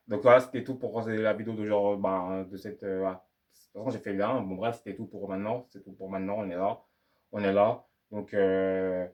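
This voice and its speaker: A young man talking casually to camera about learning English, rambling and repeating himself in slangy French. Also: fairly low pitch. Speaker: YouTuber giving language-learning tips. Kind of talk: casual vlog monologue.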